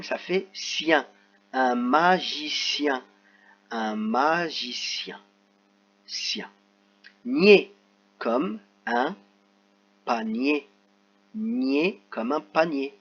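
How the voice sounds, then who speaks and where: A man teaching a reading lesson to young children, sounding out letters and stretching words slowly. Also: fairly high pitch, fairly bright tone, breathy edge. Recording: slightly dull lo-fi sound.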